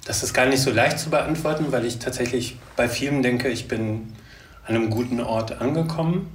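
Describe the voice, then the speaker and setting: A man from Germany, a researcher as interview guest, answering in a measured way with many fillers. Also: mid-range voice. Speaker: guest, gender studies researcher. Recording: echoey room, distant mic, faint noise.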